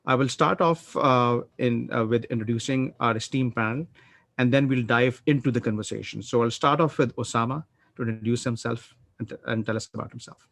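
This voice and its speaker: A man hosts a formal panel discussion over a video call. He speaks in a measured, even way and pauses now and then on fillers. His voice sits mid-range and sounds dry and close, with no room echo. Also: medium pitch, gravelly. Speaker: panel moderator. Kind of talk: formal panel introduction and moderation.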